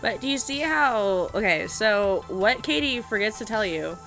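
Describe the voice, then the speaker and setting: A woman's voice: medium pitch, lively intonation, unhurried, vocal fry, a bit bright. Sassy, blunt woman vlogging about makeup. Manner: sassy, blunt, sweary, self-mocking. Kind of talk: casual reaction and tutorial chat. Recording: music playing behind the voice.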